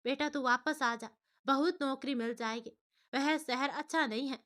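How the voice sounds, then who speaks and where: A woman's voice: high-pitched, steady tone, moderate pace, fairly bright tone. A woman voicing a worried, loving middle-aged mother who speaks in an anxious, pleading way.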